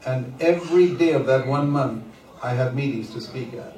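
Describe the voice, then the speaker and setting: A man's voice: mid-range voice, a little mellow, slight background noise. Man preaching in an echoey hall. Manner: speaks in short phrases, pausing for the interpreter. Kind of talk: sermon with consecutive interpretation. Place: church conference hall. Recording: echoey hall, voice from far off the mic.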